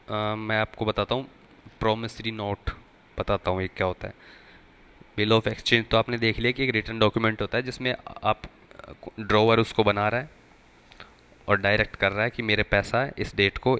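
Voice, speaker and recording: A man's voice: on the low side, flat delivery, normal speed, fairly bright tone, clear, resonant tone. A man teaching an accounting lesson for exam preparation, explaining step by step and repeating key terms. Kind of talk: exam-prep lecture.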